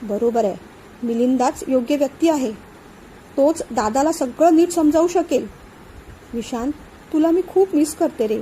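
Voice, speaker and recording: Aarohi is an anxious young woman in love, guilt pressing on her, speaking softly and pleadingly in a storybook, as a woman narrator reads her. She sounds high and mellow, slightly lower and quieter than the narration. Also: moderate pace, pauses often, a little hiss or hum, natural voice, rough recording. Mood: anxious, tender.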